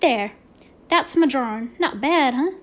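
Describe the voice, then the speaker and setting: A chatty frontier cowboy with a twangy, folksy drawl, as a woman puts him on for a storybook. His voice sits high and bright, rising well above the narration. He sounds proud and talkative. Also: expressive, unhurried. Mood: pleased.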